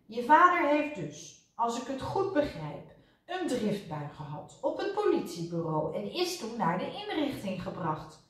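A kind, fussy old gentleman, put on by a woman reading aloud, musing slowly. Her pitch moves lively around his lines. The sound is distant and very echoey. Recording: roomy echo, voice off-mic.

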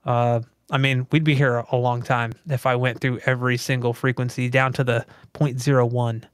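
A man hosting a relaxed tech podcast, walking listeners through gear in a loose, explanatory way. He fills gaps with "uh" and "like" and keeps it conversational. The room sound is dry and close. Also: medium pitch, moderate pace, clear, resonant tone, dry recording. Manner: easygoing, explanatory, many fillers. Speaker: podcast and livestream host. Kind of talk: casual tech chat. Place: home theater room.

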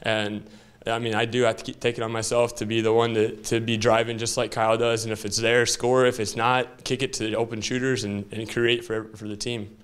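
A young man, a college basketball player, answering postgame questions in a modest, slightly halting way. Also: medium pitch, little pitch movement, fairly bright tone, clean tone. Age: young adult. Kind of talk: postgame interview.

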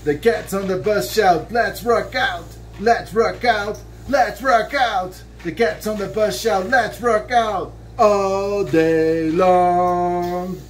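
A man in his thirties, lying on a bed in a bedroom, sings a children's song from a book to his child in a high voice, slowly and with hardly any pauses. It's playful and sing-song, the line endings drawn out. Slight background noise is present, and a camera a few feet away records him.

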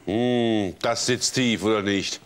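A sarcastic, accusing lawyer. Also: male voice, fairly low pitch, takes it slowly, a little hiss or hum. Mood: probing. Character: sharp, sarcastic male lawyer grilling a witness. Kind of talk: scripted courtroom TV show.

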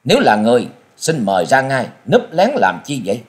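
A man's voice: medium pitch, big pitch swings, a little fast, close to an everyday voice. A man voicing a proud young male swordsman who challenges a hidden foe with defiant calls.

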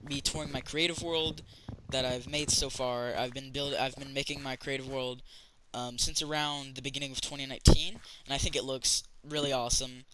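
A man's voice: mid-range voice, rough recording. A man chatting casually as he plays a building game for his channel, rambling with lots of fillers and restarts. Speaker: gaming channel host. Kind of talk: casual let's-play commentary.

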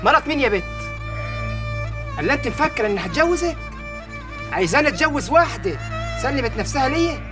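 A man's voice: very high voice, very animated, fast, pauses often, over music. An actor with an Egyptian accent playing a scornful young man who jilts his lover. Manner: scornful, dismissive.

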